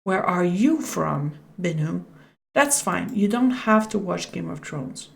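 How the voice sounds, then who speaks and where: Gravelly, low-voiced French Canadian woman streamer. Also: animated, takes it slowly. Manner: chatty, joking, chatting with viewers. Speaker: game streamer. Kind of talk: casual let's-play commentary and reading game text aloud.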